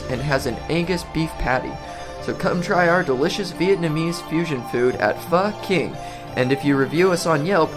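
A man's voice: fairly high pitch, close to an everyday voice. A man playing a cheerful young restaurant owner, reading a mock radio advert in an upbeat, salesy way. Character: cheerful young male restaurant owner pitching his shop. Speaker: ad spokesman.

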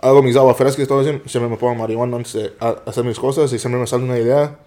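A man, a guest telling stories in a relaxed way and slipping into English. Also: mid-range voice, fast. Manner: relaxed, storytelling, mixes in English. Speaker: guest, small business owner. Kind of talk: casual chat.

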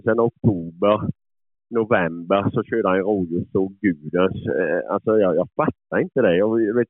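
A man with a fairly low voice tells rambling hunting stories about his dog in a casual way, swearing freely and chuckling along. The sound is thin and phone-like. It is dry and close, with no room echo. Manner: rambling, swears often, chuckles while telling. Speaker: dog owner and hunter. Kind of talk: casual storytelling.

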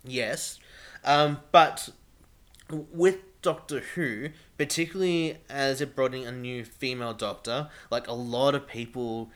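Rambling and sprinkling "like" everywhere, an Australian man hosts a laid-back podcast chat. His medium-pitched voice has fairly even intonation and runs a little slow.

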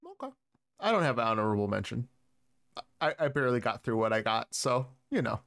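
A male podcast host with a smooth, clear voice and a middle pitch. He talks in an easygoing way, chuckling between points as he steers the chat. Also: lively intonation, fairly quick, fairly bright tone. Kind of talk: casual chat.

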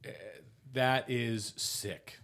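A man's voice: mid-range voice, steady tone, very slow, fairly bright tone. A man co-hosting a casual podcast recap, joking, swearing and acting out quotes in big voices. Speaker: podcast co-host.

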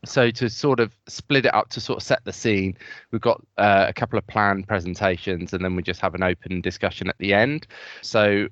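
A man with a very low voice opens the meeting and sets out the plan, hedging loosely as he goes. The sound is dry and close, with a dull, lo-fi edge. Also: normal speed, no echo. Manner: relaxed, hedging with "sort of". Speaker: meeting chair. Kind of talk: podcast discussion introduction.

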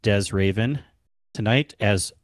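Host, male, deeper tone, relaxed and chatty, dry close sound. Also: slow, dry recording. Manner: easygoing, laughs often, many fillers. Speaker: podcast host. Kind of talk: casual podcast chat.

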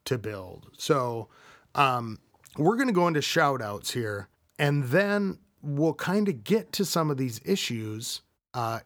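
A man's voice: mid-range voice, dry recording. Rambling man hosting a podcast, dry sound. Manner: rambling, many fillers and restarts. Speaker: podcast host. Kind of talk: casual podcast chat.

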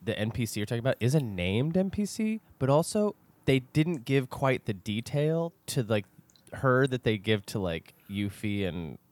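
A man's voice: medium pitch, big pitch swings, moderate pace, darkish tone, no room sound. A man hosting a casual comedy podcast, chatty and playful, leaning on fillers as he talks. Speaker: podcast host.

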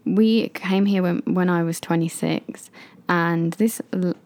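Gravelly-voiced woman in her twenties. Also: lowish voice, fairly even intonation, slow pace, darkish tone. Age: 20s. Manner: chatty, reflective, laughs often. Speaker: podcast co-host. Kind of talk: casual podcast chat.

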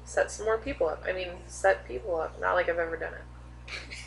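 A woman's voice: fairly low pitch, moderate pace, creaky, a little hiss or hum, poor audio. A woman in her thirties co-hosting a podcast in casual chat, blunt and teasing, laughing often. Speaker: podcast co-host. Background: people chatting and laughing.

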